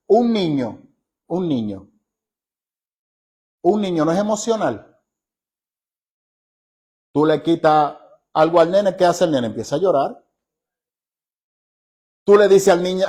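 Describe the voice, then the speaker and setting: Bible study teacher, male, slightly high voice, conversational but emphatic, drags out key phrases. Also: a little mellow. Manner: emphatic, asks rhetorical questions of listeners; slows down to stress key phrases.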